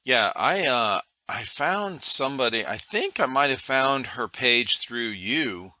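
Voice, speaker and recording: A man hosts a casual interview with a very bright, sharp-edged voice at a medium pitch. The sound is close and dry, with hardly any room on it. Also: expressive, slow pace, no room sound. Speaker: podcast host.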